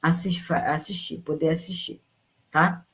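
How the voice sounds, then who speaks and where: A woman's voice: low voice, steady tone, measured pace, a bit bright. A woman teaching an online class. She rambles, restarts her sentences and checks in with her students after almost every point. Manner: rambling, frequent fillers and restarts.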